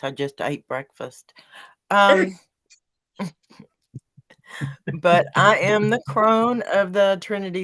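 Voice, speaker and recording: Lisping woman with a low voice. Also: a bit bright, no room sound. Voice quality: lisp from new teeth, like wearing a retainer. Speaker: divination reader, co-host. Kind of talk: introduction on a live stream.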